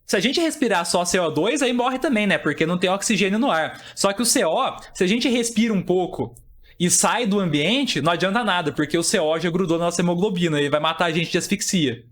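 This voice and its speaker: A man's voice: high-pitched, animated, brisk, fairly bright tone. A young man teaching an exam-prep chemistry lesson, explaining step by step and asking and answering his own questions.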